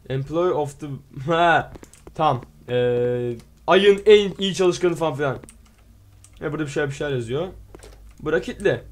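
Excitable man narrating his gameplay. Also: a little high. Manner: excitable, exclaims and playfully swears at the game; reads game text aloud and translates it. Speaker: gaming video host. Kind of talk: let's play commentary.

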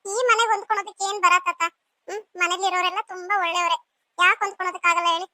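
A woman's voice: extremely high pitch, flat delivery, rapid-fire, pushed and bright, no room sound, clean studio sound, full character voice. A woman voicing a cheerful, clever young daughter-in-law in a cartoon, speaking in a respectful, chatty way. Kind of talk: cartoon voice acting.

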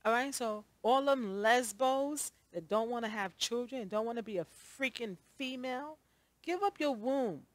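A woman's voice: on the high side, normal speed, no room sound. Emphatic woman ranting on a vlog. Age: adult. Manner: emphatic, repetitive, with frequent "okay?" tags. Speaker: vlogger. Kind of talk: casual ranting commentary.

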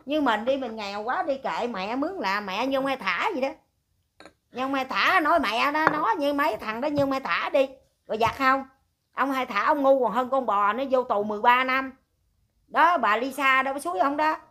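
Older woman scolding hard, rough talk, highish voice. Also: lively intonation, moderate pace, pushed and bright, a little hiss or hum. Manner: scolding, rough, rhetorical questions. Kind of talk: heated casual rant.

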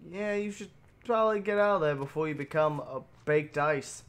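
A man's voice: a little high, moderate pace, fairly bright tone, clear, resonant tone. A man chatting casually over a game, with loose, profane banter. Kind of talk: casual gaming chat. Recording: faint noise with keyboard typing.

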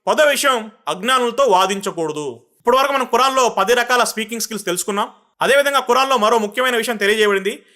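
A man preaching a religious talk, reading out numbered points and reciting verses slowly and carefully before explaining each one. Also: sits high, bright, forceful tone. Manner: slow, measured recitation of Arabic verses; lists numbered points, then recaps them quickly. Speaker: Islamic preacher.

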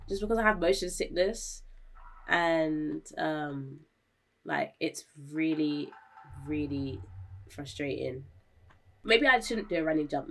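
A woman streaming a game, chatting casually with viewers, jumpy and easily startled, sounding a little under the weather. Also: sits low. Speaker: gaming streamer. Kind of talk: casual live gameplay commentary.

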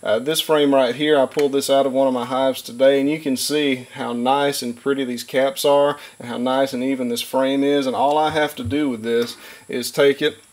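A man in his thirties giving a relaxed, hands-on beekeeping lesson in a wood-paneled workshop, talking plainly with frequent fillers. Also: medium pitch, moderate pace. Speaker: beekeeper and channel host. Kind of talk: hands-on instructional talk.

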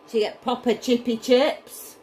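A woman's voice: a little high, fairly even intonation, moderate pace, darkish tone, soft background music. A woman with a Northern English accent chatting casually and bluntly while cooking, giggly and tipsy from drink. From northern England. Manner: blunt, chatty, exclamatory, swearing. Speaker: home cook vlogger. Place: indoors in a home kitchen.

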